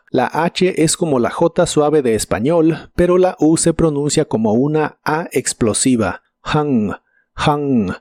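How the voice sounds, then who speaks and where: A man teaching English vocabulary in a scripted lesson, modelling each word slowly and carefully. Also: on the high side, a little mellow, dry recording, studio quality. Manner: slow, careful model pronunciations.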